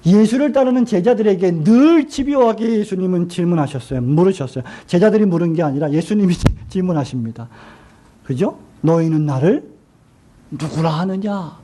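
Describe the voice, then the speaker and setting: High, mellow-voiced male preacher. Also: expressive, a little hiss or hum. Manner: asks the congregation questions and has them repeat lines; slows down and drops his voice when quoting Jesus. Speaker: pastor. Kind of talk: sermon.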